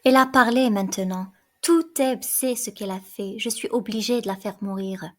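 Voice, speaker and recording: A woman's voice: medium pitch, moderate pace, a bit bright, natural voice. A woman reading a stern, weary king. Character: older man, stern king, weary and firm. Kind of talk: reading a play aloud.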